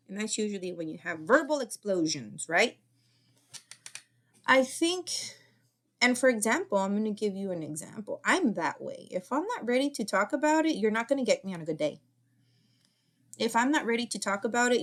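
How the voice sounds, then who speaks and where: A middle-aged woman, a former child therapist, giving casual advice in an earnest, repetitive way that often drops to a soft whisper. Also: medium pitch. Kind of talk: casual advice talk to camera.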